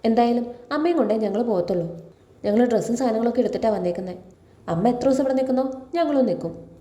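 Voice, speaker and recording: A woman's voice: on the high side, expressive, fast, dark tone, roomy sound, close to an everyday voice. A woman reading the lines of a stubborn, loyal grown daughter, insistent and defiant, in a serial recap.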